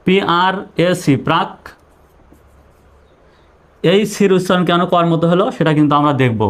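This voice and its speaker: Patient male teacher, slightly high voice. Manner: patient, repetitive, asks and answers own questions. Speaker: English pronunciation teacher. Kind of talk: online video lesson.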